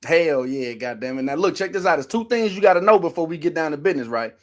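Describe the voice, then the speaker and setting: A man hosts a casual interview in a fairly high voice. He talks in a loose, slangy way and stays excitable, laughing easily as he asks his questions. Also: fast talker. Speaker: interview host.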